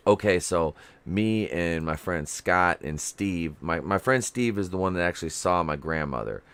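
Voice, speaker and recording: A man's voice: low-pitched, lively intonation, normal speed, a bit bright, clean tone. A middle-aged man telling a paranormal story in casual chat, rambling, full of fillers and quoted dialogue. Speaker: guest.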